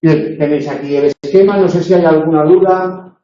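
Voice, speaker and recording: A man's voice: fairly high pitch, a little fast, warm tone. Male tutor lecturing in an echoey room. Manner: explanatory, asks for agreement. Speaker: university tutor. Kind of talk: recorded university lecture. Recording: echoey room, dull lo-fi sound.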